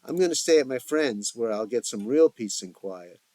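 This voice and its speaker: A man's voice: medium pitch, animated, moderate pace, warm tone, no echo, lightly acted. A man voicing a fed-up, exasperated middle-aged mother in a family audio story. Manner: exasperated, complaining.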